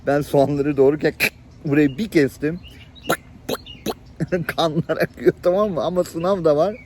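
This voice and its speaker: A middle-aged man telling personal stories to the camera in a lively, chatty way, chuckling now and then and acting out the people in them. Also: fairly high pitch, moderate pace, a little hiss or hum. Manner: lively anecdotal storytelling, chuckles and acts out voices. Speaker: channel host. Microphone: camera-facing, showing viewers things on screen.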